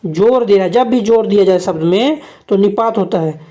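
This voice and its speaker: A woman's voice: mid-range voice, moderate pace, warm tone. A woman teacher going through exam grammar questions, repeating each question and answer and calling her viewers friends. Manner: repeats questions and answers, often asks "kya"; addresses viewers as "dosto". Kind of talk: Hindi grammar quiz lesson.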